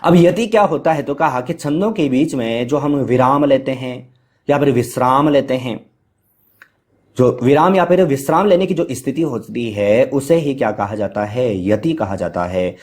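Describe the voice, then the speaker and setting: Brief: male teacher, mid-pitched voice, poses questions and answers them himself, explanatory lecture. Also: expressive, normal speed, a little mellow. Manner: explains with rhetorical questions and fillers; chants Sanskrit verse at varying speed. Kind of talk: Hindi grammar lecture.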